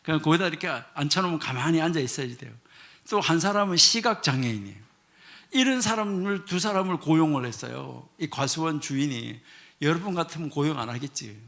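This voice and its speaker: A man's voice: fairly high pitch, gravelly. A middle-aged man preaching a sermon, telling a parable with acted-out dialogue and questions to the congregation. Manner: animated, acts out dialogue, asks congregation questions. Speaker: professor preaching. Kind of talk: sermon with storytelling.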